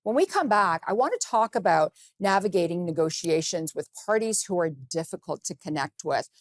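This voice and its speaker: A woman's voice: lowish voice, animated, normal speed, dry recording, clean studio sound. A woman hosting a talk show, interviewing her guest in an affirming, conversational way.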